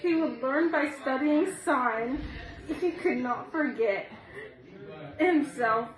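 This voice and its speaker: A woman's voice: sits high, takes it slowly. A woman reading a story aloud as a challenge, giggling and stumbling over the text. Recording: echoey room.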